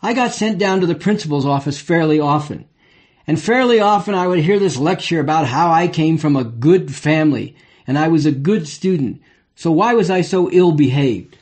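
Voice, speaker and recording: Older man, slightly higher voice, wry and reflective memoir reader. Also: expressive, moderate pace, a little mellow. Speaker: memoir narrator. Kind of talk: audiobook memoir reading.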